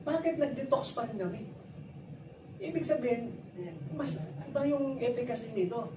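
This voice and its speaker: A Filipino-accented man pitches a business opportunity in a loose, chatty storytelling way, joking as he goes. His voice sits high, and he sounds some way off from the mic. The room is echoey, with steady noise behind him. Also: normal speed, recorded from a distance. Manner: chatty storytelling, jokes and laughs often. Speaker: network marketing presenter. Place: presentation room.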